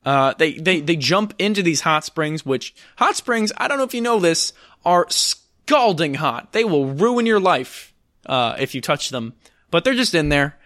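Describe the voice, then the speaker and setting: Sarcastic guy rambling thru a movie recap, high-ish voice, dead dry sound. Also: expressive, a little slow, a bit bright, no room sound. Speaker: podcast co-host recapping films. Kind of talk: casual chat.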